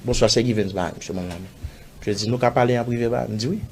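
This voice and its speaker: A man's voice: medium pitch, fast talker, a little mellow, slight background noise. A man with a Haitian accent recounting a personal story in an interview, rambling and acting out the dialogue. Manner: rambling, acts out dialogue, pepper of "bah" and "man". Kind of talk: casual spoken storytelling.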